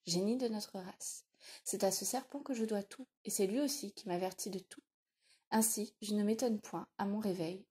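Woman reader voicing a middle-aged blacksmith father, solemn and tender, mellow tone, audiobook. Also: medium pitch, lightly acted. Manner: solemn, confiding. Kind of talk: audiobook reading.

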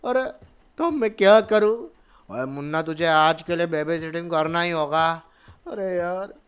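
A young man hosting comic gameplay commentary, excitable and full of banter, switching between two bickering voices. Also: a little high, measured pace, clear, resonant tone. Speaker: gaming channel host.

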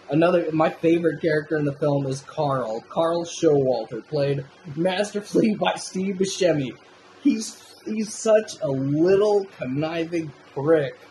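A man's voice: fairly high pitch, a little mellow, a little hiss or hum, poor audio. A man giving a casual, enthusiastic film review, swearing freely as he talks.

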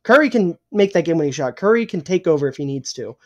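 A young man co-hosting a casual sports podcast, opinionated and swearing freely, a little hoarse and clearing his throat. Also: fairly high pitch, lively intonation, fast talker, darkish tone, muffled recording. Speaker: podcast co-host.

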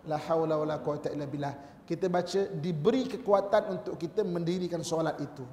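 High-voiced Malaysian teacher in an echoey mosque. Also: male voice, a little fast, a little mellow, slight background noise. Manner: chatty, addresses listeners directly, recites Arabic phrases. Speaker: religious teacher. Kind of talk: mosque religious lecture. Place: large mosque hall. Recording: echoey mosque hall with long reverb.

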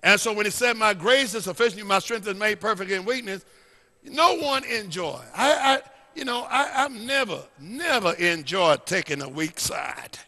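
A male pastor preaching a sermon, swinging between loud and hushed lines and repeating phrases. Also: high-pitched, animated, moderate pace, in a large hall. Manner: preachy, rising and falling dynamics, repeats phrases. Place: church sanctuary.

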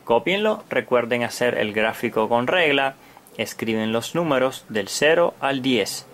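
A man's voice: mid-range voice, measured pace, fairly bright tone. A man giving a step-by-step children's math lesson like a kids show host, in simple short phrases, as a teacher. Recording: noticeable background noise.

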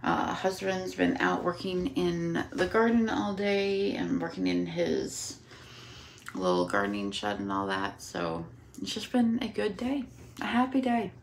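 A woman's voice: lowish voice, very animated, a little slow, a little hiss or hum, rough recording. A tired, out-of-breath young woman chatting casually to camera about her cross-stitch projects, rambling with many ums. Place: home room with windows open.

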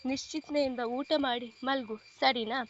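A woman voicing a caring young man who plays a protective elder brother, speaking gently and reassuringly, in a storybook reading. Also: high-pitched, fairly even intonation, a little slow, muffled recording, a little hiss or hum.

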